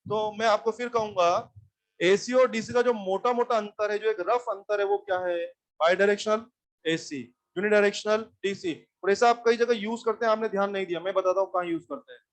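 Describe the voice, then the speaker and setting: A man with a high-pitched voice lectures an electronics class. He talks bluntly, scolds his students and keeps checking whether they follow. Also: steady tone, moderate pace. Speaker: teacher.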